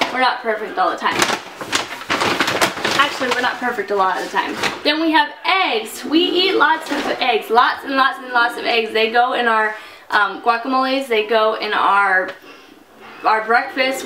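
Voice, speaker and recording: A young woman vlogger chatting casually and animatedly through a grocery haul in her home kitchen. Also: fairly high pitch. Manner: chatty and animated, holding up items. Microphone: camera mic from a few feet away. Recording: echoey room, distant mic, noisy.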